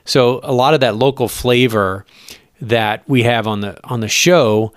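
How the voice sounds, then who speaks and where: A man who works as a radio broadcaster, talking casually as an interview guest, eager and halting with many fillers. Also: medium pitch, no room sound, clean studio sound. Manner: eager, halting, lots of likes and ums.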